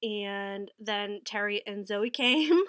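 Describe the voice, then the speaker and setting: A woman in her thirties, a bit nasal from a head cold, chats about her knitting haul to a webcam at her desk for a casual haul and recap vlog. She's a knitting vlogger, rambling and correcting herself at a slow pace in a medium-pitched, fairly bright, smooth voice. The small wood-paneled room has bookshelves, and there's no echo.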